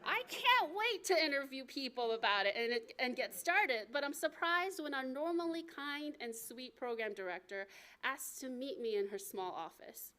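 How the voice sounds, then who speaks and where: Speaking with an American accent from the United States, a fairly high-voiced woman reads her memoir aloud at a live book event, her expressive, deliberate delivery sounding like an author telling listeners a personal story.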